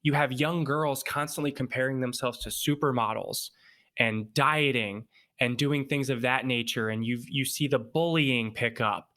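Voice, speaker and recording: A man in his thirties with a bright, forceful voice at a middle pitch. He talks as a podcast guest, explaining his points with confidence and emphasis in a relaxed conversational tone. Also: normal speed. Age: 30s. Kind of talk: casual conversation.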